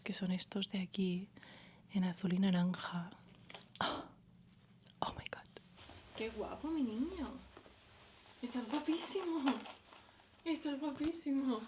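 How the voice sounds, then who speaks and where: A woman from talks through her vlog in an excited, chatty way, dropping English words into her sentences. Her pitch sits in an ordinary middle range. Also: slight background noise. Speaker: fashion vlogger. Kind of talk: casual vlog chat.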